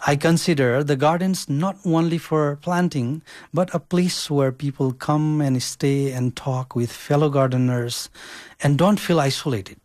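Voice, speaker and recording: A young man from Nepal, a social work student, reading his podcast script in a careful, measured way. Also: medium pitch, darkish tone, no echo, studio quality.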